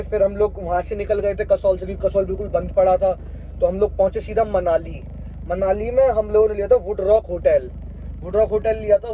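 A young man talking casually to camera in a travel vlog, chatty and explaining costs step by step, mixing in English words. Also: high-pitched. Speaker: travel vlogger. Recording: slightly dull lo-fi audio with faint background noise.

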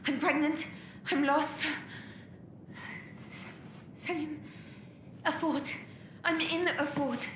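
Scared lost pregnant lady, high voice, shaky and halting, echoey game sound. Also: fairly even intonation, noisy background. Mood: frightened. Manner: anxious, faltering speech. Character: frightened lost pregnant young woman.

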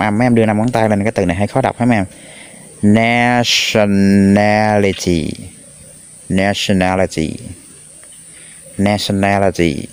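A male teacher leads a children's English lesson, his voice sitting a little low. He drills each new word slowly in sets of three and coaxes the class to repeat after him. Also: darkish tone, no room sound.

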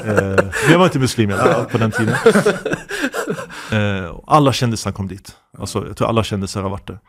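A man in his fifties, a guest imam, telling lively stories with laughter and Arabic phrases sprinkled in. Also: lowish voice. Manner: animated anecdotes with laughter, Arabic phrases mixed in. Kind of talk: podcast interview storytelling.

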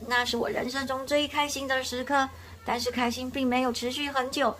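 A woman's voice: high-pitched, level tone, a little fast, a bit bright, a little hiss or hum. Woman reading to a child as a sheepish old great-grandmother. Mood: reminiscing. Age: elderly.

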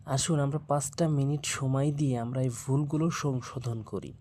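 A man teaching Quran pronunciation in a Bangladeshi Bengali accent. He drills each sound slowly and deliberately, repeating it several times. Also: mid-range voice, steady tone, warm tone.

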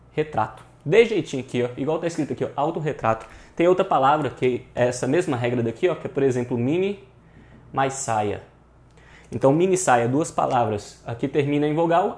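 A man's voice: medium pitch, a little mellow. Man, Brazilian Portuguese accent, online grammar teacher, emphatic, repeats rules. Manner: addresses viewers often, repeats rules emphatically. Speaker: exam prep teacher. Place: online class.

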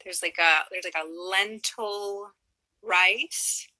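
A woman's voice: mid-range voice, slow pace, pushed and bright, no echo, low-quality recording. A woman chatting casually on a live video call as a guest, laughing often and talking with lots of fillers.

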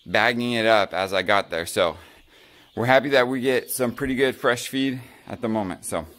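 A man casually talking through his farm chores in a vlog, chatty and relaxed, thinking aloud with fillers. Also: mid-range voice, moderate pace. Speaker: farm vlogger. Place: outdoors on a farm.

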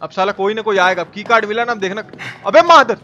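This Indian gamer, speaking with a Bihari Hindi accent, streams live and banters with viewers, teasing and swearing liberally in casual speech. His voice is high-pitched, fast, and sharp, the highs are cut off, and soft background music plays alongside clearly noisy game sound.

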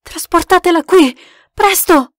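A woman reading an audiobook aloud, voicing a desperate gentleman who barks urgent orders. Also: on the high side, normal speed, dry recording, clean studio sound, natural voice. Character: desperate commanding English gentleman.

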